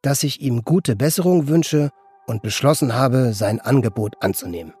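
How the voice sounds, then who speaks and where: A man's voice: mid-range voice, expressive, a little mellow, husky. A man voicing a nervous man on a phone call who hesitates and stammers. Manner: halting, stammering.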